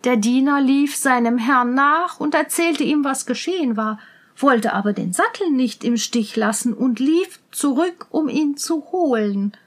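Slow, high-voiced woman reading a fairy tale. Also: lively intonation. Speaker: storyteller.

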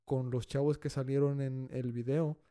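A podcast guest from Austin, Texas, whose first language is Spanish, speaks in a mid-range, dark-toned voice with little pitch movement at normal speed. He chats casually, switching constantly between Spanish and English and saying "you know what I'm saying."

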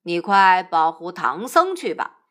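Woman playing a calm laughing old male Buddha. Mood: serene. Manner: slow, lowered, measured.

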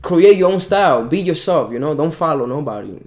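A man's voice: on the high side, animated, a little fast, a little mellow. A self-assured, boastful man in a casual interview, talking in hyped frat-bro slang full of "bro" and "yo". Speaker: calisthenics athlete being interviewed.

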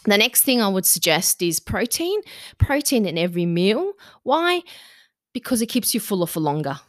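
A woman's voice: mid-range voice, sing-song, moderate pace, no room sound, clean studio sound. A woman host giving casual diet and fitness advice in a conversational, instructive way, often posing questions and answering them herself. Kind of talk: casual advice monologue to listeners.

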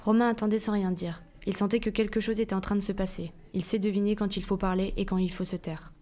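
Woman, audiobook narrator, mid-pitched voice, plain even first-person reading. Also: quick pace. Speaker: audiobook reader.

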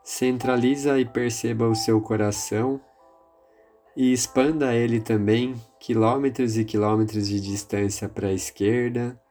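A man with a Brazilian accent leading a guided meditation in a calm, soothing, measured manner. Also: mid-range voice. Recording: music behind the voice. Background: music.

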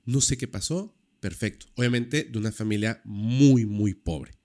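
Guy on a podcast, lowish voice, telling a crime story all animated with lots of "o sea". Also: a little slow. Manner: animated, acts out quoted dialogue, many fillers. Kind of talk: casual true-crime storytelling.

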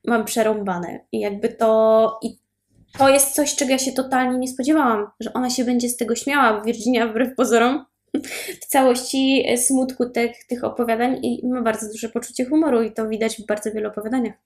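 Female co-host, lively opinionated book chat, somewhat high-pitched. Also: a little fast. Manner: animated, emphatic opinions with fillers. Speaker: podcast co-host. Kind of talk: casual book discussion.

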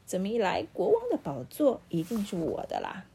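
A woman's voice: medium pitch, wildly swooping pitch, moderate pace, creaky, mellow, breathy edge, full character voice. A woman voicing a vain crow in a bedtime storybook reading, smug and preening. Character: vain boastful crow dressed in borrowed feathers.

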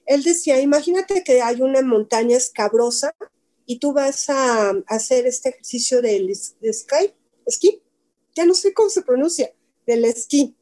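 A woman's voice: high voice, lively intonation, moderate pace, dark tone. A woman giving an informal talk to a small group, chatty, often asking her listeners questions and repeating words for emphasis. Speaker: workshop speaker.

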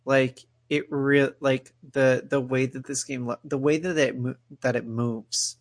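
A man on a podcast talking about a video game, halting and searching for the right words. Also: medium pitch, flat delivery, dry recording. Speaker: podcast co-host. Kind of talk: casual chat.

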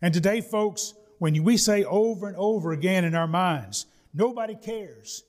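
A man delivers a sermon. He reads scripture slowly, leaning on key words. He tells homely stories in a folksy way. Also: high-pitched, a little mellow. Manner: folksy storytelling, slow deliberate emphasis on scripture. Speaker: preacher.

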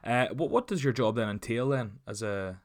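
A man's voice: medium pitch, expressive, normal speed, no echo, clean studio sound. A man conducting a casual interview, tentatively rephrasing his questions as he goes.

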